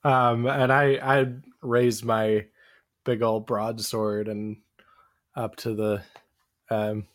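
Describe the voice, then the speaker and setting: A man speaks slowly during a tabletop game, pausing often in a halting but easygoing way. His voice sits at a middle pitch. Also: little pitch movement. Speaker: player. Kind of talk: casual tabletop play.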